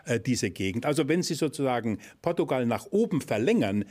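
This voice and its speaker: Very animated and fairly quick, an older man's medium-pitched, darkish voice explains history as an expert guest. He lectures conversationally, hesitating with many fillers; he speaks German and is fluent in Spanish.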